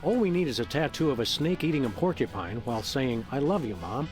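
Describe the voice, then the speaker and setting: An actor voicing a deadpan dog detective in a video game, delivering dry quips. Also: male voice, mid-range voice, a little fast, faint music behind, lightly acted.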